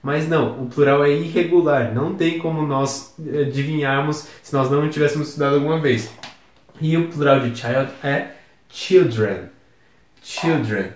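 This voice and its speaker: A man's voice: fairly high pitch, normal speed, roomy sound. A man teaching English in Brazilian Portuguese, patiently explaining words and spelling them out letter by letter. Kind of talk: recorded online lesson.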